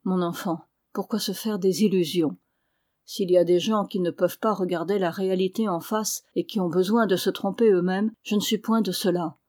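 A woman reading the lines of a seriously ill elderly father who speaks with earnest, measured reasoning. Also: fairly low pitch, steady tone, darkish tone, lightly acted. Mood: grave. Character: ailing elderly father, grave and lucid.

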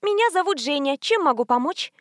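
A chatty young nurse lifts her voice high and sweet, eager to please, played by a woman narrating a storybook. The sound is dry and close. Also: animated, a little fast, dry recording.

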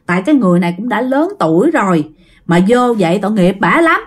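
A woman voicing a polite, calm elderly village man questioning a spirit. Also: mid-range voice. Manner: courteous, measured questioning.

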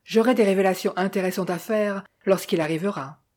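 A woman reading the part of a calm, polite male detective with formal, measured speech. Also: mid-range voice, lightly acted. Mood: courteous.

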